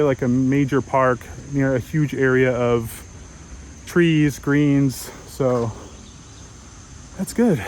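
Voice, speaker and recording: A man's voice: fairly high pitch, a little hiss or hum, rough recording. Young male travel vlogger, casual and rambling, walking a city park outdoors, handheld mic. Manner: rambling, musing, many fillers and restarts.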